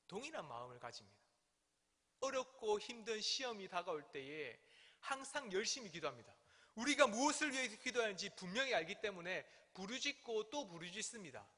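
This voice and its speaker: Male pastor, sermon delivery: high, swooping pitch, loud peaks that fall to near-whispers, recorded in a church sanctuary. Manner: animated preaching with sudden drops to a hush. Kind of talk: sermon at a midweek prayer service. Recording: long church hall reverb.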